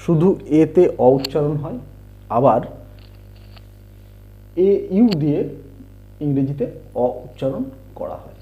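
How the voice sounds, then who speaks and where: Slow, dark-voiced teacher. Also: male voice, fairly high pitch, lively intonation, soft background music. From India. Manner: spells letters out and repeats sounds slowly. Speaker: English teacher. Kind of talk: slow explanatory lesson. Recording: dull lo-fi home recording.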